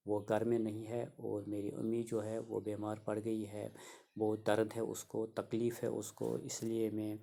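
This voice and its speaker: A gravelly, mellow-toned man in middle age teaches a children's reading lesson. He keeps a level, unvaried delivery and repeats each idea in plainer words so young pupils can follow. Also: fairly low pitch. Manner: repetitive, restates each sentence simply for children. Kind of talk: explaining a school reader lesson.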